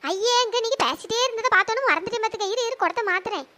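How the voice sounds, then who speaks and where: A performer voicing several quarrelsome village women arguing over water pots, with a pitch-raised cartoon voice. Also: lively intonation, racing, bright, forceful tone. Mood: chatty. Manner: quarrelsome, shrill village bickering. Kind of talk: cartoon village comedy voice acting.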